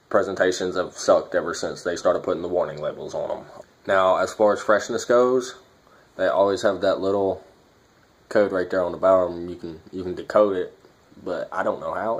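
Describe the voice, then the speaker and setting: A man with a low voice speaks with his lip packed full of dip. He talks like a casual vlogger giving a review or telling a story, blunt and quick to swear. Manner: blunt, profane.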